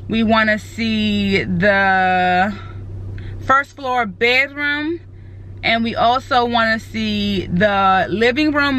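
Holding her phone at arm's length, a woman in her thirties vlogs casually from a parked car and later an unfinished house, rambling and using fillers. Her mid-range voice sounds pushed and bright.

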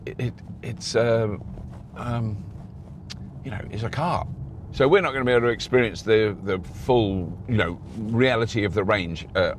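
A middle-aged man hosting a car review, talking casually while he drives, rambling and restarting his sentences. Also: fairly low pitch. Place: inside a moving car. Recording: road noise in a moving car.

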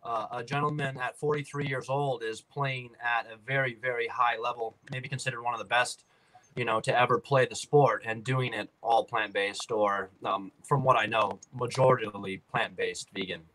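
Guy fitness trainer on a video call, bright voice, explains things steady and careful. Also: medium pitch, moderate pace, poor audio. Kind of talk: video call panel discussion.

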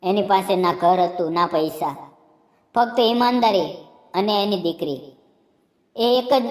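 A woman narrating a heartfelt first-person storybook tale in a soft manner. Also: mid-range voice. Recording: echoey room, long reverb.

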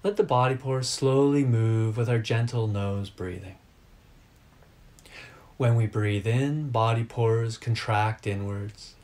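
A meditation teacher guides listeners through a session, his medium-pitched voice moving very slowly. Each instruction is brief and measured, delivered calmly and with deliberation.

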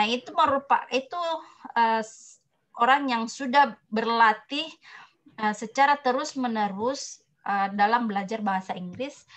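A woman lecturer answering a student's question in a casual academic talk, pausing often with fillers and restarts, and giving spoken examples. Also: a little high, fairly bright tone. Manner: hesitant, many fillers and restarts; explains slowly with spoken examples.

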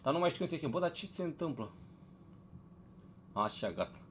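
A man's voice: a little high, very animated, a little hiss or hum. A man hosting a casual live stream, chatting with viewers, greeting them by name, repeating himself and urging them to hit like. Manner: chatty, greets viewers one by one, repeats phrases, pushes for likes.

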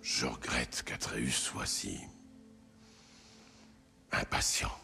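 A man playing a stern, brooding warrior father in a video game, terse and grave, with a very deep gravelly voice. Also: steady tone, very slow, sharp tone, soft background music, full character voice. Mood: grave, worried. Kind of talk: video game drama acting.

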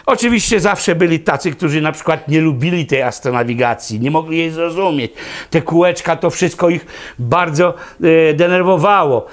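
A man's voice: a little high, moderate pace. An older man fondly reminiscing about his former teacher in a documentary interview. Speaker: former student recalling a teacher.

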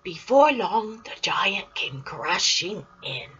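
An older woman reading a children's storybook aloud, animated, dropping into whispered asides, recorded with a dull lo-fi sound. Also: medium pitch, slow pace, slight background noise.

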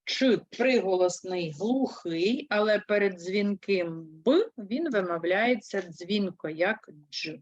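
A woman's voice: mid-range voice, animated, slow, hardly any pauses, dry recording. A woman teaching a third-grade language lesson, explaining patiently and spelling words out syllable by syllable. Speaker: primary school teacher. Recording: dull, lo-fi dry sound.

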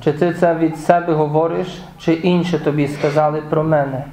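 A calm Jesus on trial, read aloud by a man in a Good Friday service, level and unhurried with a mellow tone. The church room echoes around the voice. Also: on the high side, slight background noise, natural voice. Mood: solemn. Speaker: reader of the words of Jesus. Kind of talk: liturgical Passion reading.

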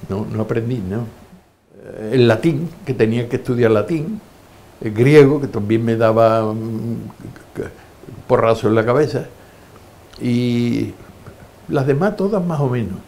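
Older man telling lively anecdotes. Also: mid-range voice, a little slow, long pauses, slight background noise. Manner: lively anecdotes, acting out quoted voices. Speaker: interviewee. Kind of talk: storytelling interview.

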